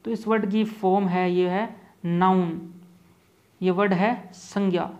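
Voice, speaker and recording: A man teaching an exam-prep vocabulary lesson, explaining each word slowly and repeating points, with English terms mixed into Hindi. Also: high-pitched, fairly even intonation, darkish tone, highs cut off.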